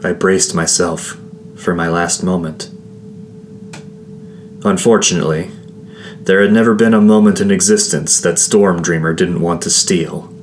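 A man reading a first-person fantasy novel aloud as an audiobook narrator, in a measured, grave storytelling manner. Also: low voice, a little hiss or hum.

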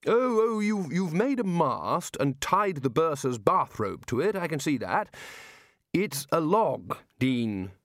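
A man voicing a blustering, exasperated older male wizard, pitched high and loud. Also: very animated, takes it slowly, no room sound, clean studio sound, heavily acted.

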